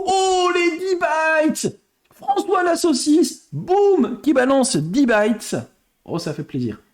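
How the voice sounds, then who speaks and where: High-voiced man chatting on a live stream. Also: darkish tone. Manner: chatty, greets and thanks viewers, thinks aloud over answers. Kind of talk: casual live-stream chat while playing quiz games.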